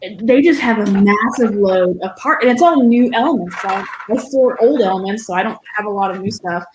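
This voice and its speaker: A woman's voice: medium pitch, fairly quick, roomy sound, noisy background. A woman guest chatting on a casual livestream, enthusiastic and rambling as she talks.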